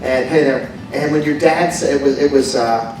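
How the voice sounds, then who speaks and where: A man's voice: medium pitch, normal speed, noisy background. A man presenting casually to an audience, self-deprecating and laughing through his story. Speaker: amusement park manager. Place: large indoor presentation hall. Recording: echoey hall, from far off. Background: audience in the room.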